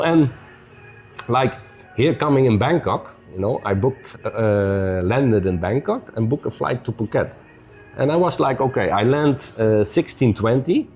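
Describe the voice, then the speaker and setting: A man telling stories as a podcast guest in loose, non-native English with many "you know"s, relaxed and upbeat. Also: mid-range voice, lo-fi sound. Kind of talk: casual storytelling conversation.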